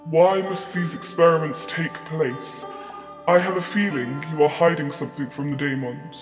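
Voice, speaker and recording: A man's voice: on the high side, fairly even intonation, moderate pace, close to an everyday voice. A defiant female demon, voiced by a man in a homemade audio drama. She presses insistently in a slightly raised voice. The audio is dull and echoey, with a long reverb and music behind. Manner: insistent, challenging. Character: defiant female demon, questioning her lord.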